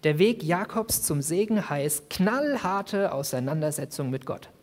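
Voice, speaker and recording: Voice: medium pitch, expressive, measured pace, a little mellow. A youth preacher giving a sermon, retelling a story dramatically in the first person. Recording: long hall reverb.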